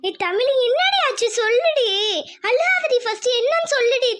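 Someone voicing an excitable young friend. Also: extremely high pitch, moderate pace, background noise. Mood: urgent. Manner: excitable, urgent. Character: young village woman, excitable loyal friend.

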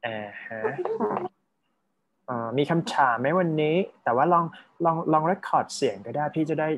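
A man tutoring a student over a video call, giving gentle, encouraging feedback and dropping English terms into his talk. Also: fairly high pitch, unhurried. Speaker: IELTS speaking tutor. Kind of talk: casual online tutoring feedback.

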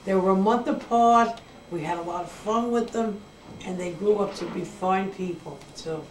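A woman's voice: mid-range voice, moderate pace, slight background noise. An older grandmother in a family home-video interview, talking in an earnest, sentimental, rambling way, heard on an old VHS tape. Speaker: grandmother interviewed by her son. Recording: echoey, distant camcorder mic with music behind.

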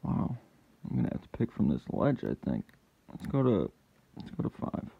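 Gravelly man muttering over his work. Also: fairly low pitch, wildly swooping pitch, normal speed, narrow, tinny audio. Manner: muttering to himself while working, with sudden frustrated yells. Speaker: lockpicking hobbyist channel host. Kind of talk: casual hands-on commentary.

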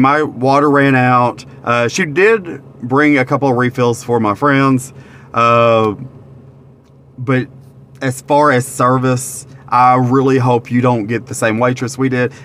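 A man with a mid-range, fairly bright voice reviews a meal to camera from inside a parked car, easygoing and rambling with lots of fillers. He's a vlogger and restaurant reviewer doing casual review talk. It's recorded on a phone camera held at arm's length, with a little hiss or hum.

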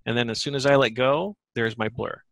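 A man working as a software trainer, giving a live screen-share demo in a webinar and thinking aloud as he goes. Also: mid-range voice, steady tone, fairly quick, creaky, no room sound. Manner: thinks aloud while demonstrating.

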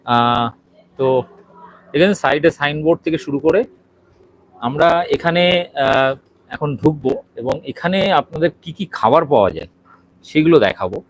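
A man's voice: a little high, expressive, a little slow, pauses often, slight background noise, low-quality recording. A middle-aged man doing a walking video report, hesitant and full of fillers, showing viewers around a small restaurant. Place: outside and inside a small restaurant.

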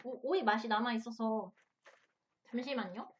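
High-voiced woman reviewing snacks as she eats. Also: moderate pace, lo-fi sound. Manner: tasting and eating chips and snacks while talking. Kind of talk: casual mukbang snack review.

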